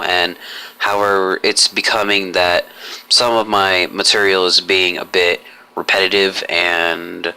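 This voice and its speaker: A young YouTuber rambles through a vlog update using stiff, formal, long-winded sentences, frequently stopping and starting over. His smooth voice is low and barely moves in pitch, yet carries a hard, bright edge.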